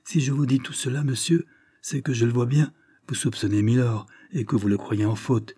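A man's voice: medium pitch, fairly even intonation, normal speed, warm tone, slightly rough, no echo, natural voice. A man voicing a worried, deferential butler who apologizes and protests earnestly. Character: anxious middle-aged male butler, deferential.

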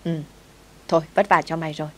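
A gruff young master of a wealthy house in a spoken storybook, read by a woman in her own lowish voice. He talks in short, blunt orders with a teasing edge. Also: steady tone, fast talker, fairly bright tone. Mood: curt. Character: brusque young master of a rich house, man.

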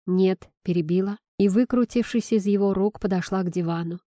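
A woman reading an audiobook aloud in first-person narration, with a measured, expressive delivery. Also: mid-range voice, no room sound, studio quality.

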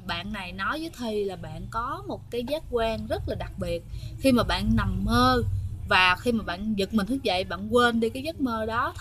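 A woman's voice: mid-range voice, a bit bright. A woman with a Southern Vietnamese accent telling ghost stories to her viewers in a chatty, hesitant way, often turning to address the listeners. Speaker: ghost story host. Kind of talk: casual spoken storytelling to viewers.

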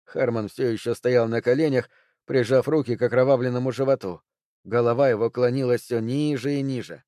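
A man reading a thriller audiobook aloud with steady, tense storytelling. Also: mid-range voice, fairly quick, no room sound, studio quality. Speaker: audiobook narrator. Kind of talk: scripted thriller narration.

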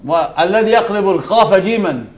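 Fast-talking man teaching a religious lesson. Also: high voice, lively intonation. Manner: emphatic, repeats key words, quotes scripture, asides to students.

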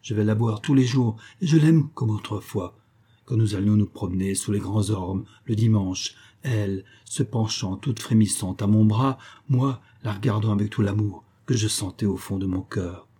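A grieving old professor from a storybook, mournful and brooding, as read by a man. His voice sits low and dark, with a husky edge. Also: normal speed. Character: grieving old male professor, obsessed with matter.

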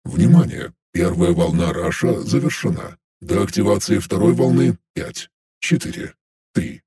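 A man voicing a calm game-system announcer that reads out measured, official countdowns in an audiobook. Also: low voice, husky, pitched below the performer's own voice, full character voice. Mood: calm announcing. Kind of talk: audiobook narration.

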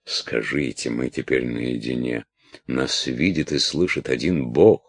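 A man reading aloud and voicing a scheming courtly count who speaks in a low, coaxing, measured way. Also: darkish tone, full character voice.

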